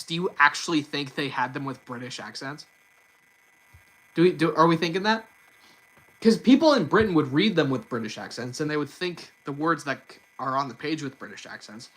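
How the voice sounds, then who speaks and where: A young man hosting a casual live stream, talking fast and often repeating and restarting his words. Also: fairly high pitch, fairly bright tone, rough recording. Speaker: livestream host.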